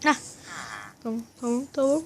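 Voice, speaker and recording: A young gamer with a Turkish accent giving excitable, casual gameplay commentary and scolding the game characters. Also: sits high, moderate pace, faint music behind. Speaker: gaming video creator.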